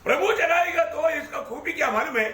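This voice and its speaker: High-voiced preacher shouting in an echoey hall. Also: male voice, fairly quick. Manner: animated, calls out to the congregation, voice rising to shouts. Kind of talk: sermon. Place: church hall with congregation.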